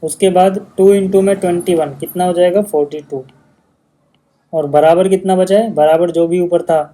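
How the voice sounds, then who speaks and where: A man's voice: high voice, fairly even intonation, normal speed, dark tone. A male maths teacher, patiently explaining steps in a casual lesson video.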